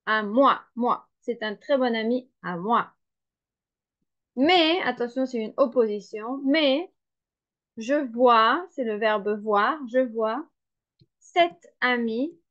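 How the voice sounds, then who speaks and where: A woman teacher reads a dictation at a very slow, deliberate pace, pausing to spell words and explain grammar. Her voice sits fairly high, and the recording sounds somewhat dull and lo-fi. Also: a bit bright. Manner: slow, careful, spells and explains each word. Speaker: French teacher.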